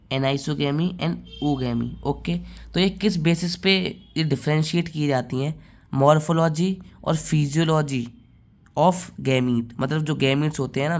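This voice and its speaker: A man giving a biology lecture, asking rhetorical questions and repeating key terms slowly. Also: fairly high pitch. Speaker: biology teacher. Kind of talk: classroom lecture.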